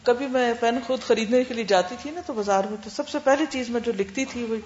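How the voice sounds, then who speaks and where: A woman's voice: fairly high pitch, darkish tone. A woman teacher lecturing her class, explaining points in short lists and rhetorical questions. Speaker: religious studies teacher. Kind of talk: classroom lecture answering students. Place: lecture room. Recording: roomy classroom, dull sound, faint hum.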